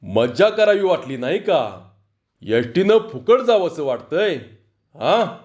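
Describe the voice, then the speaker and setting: A harsh, bullying police officer barks threats in coarse village speech, as a male storyteller puts him on. The voice sits a little high and pushes forward. It comes through a dull, muffled recording. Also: very animated, takes it slowly, a little mellow. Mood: mocking. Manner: harsh, scolding, rustic speech.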